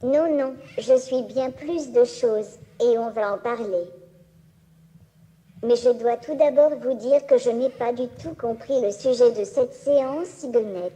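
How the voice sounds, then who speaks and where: A woman's voice: fairly high pitch, unhurried, mellow, rough recording. A synthetic female robot voice of a small cheerful humanoid robot, giving a neatly enunciated scripted presentation. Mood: polite, playful.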